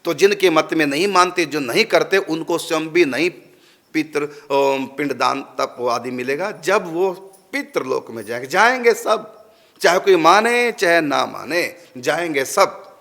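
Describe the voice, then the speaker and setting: A man's voice: a little high, lively intonation, measured pace, sharp tone. A man giving a religious discourse, answering a question and putting emphatic rhetorical questions to his listeners. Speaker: spiritual teacher.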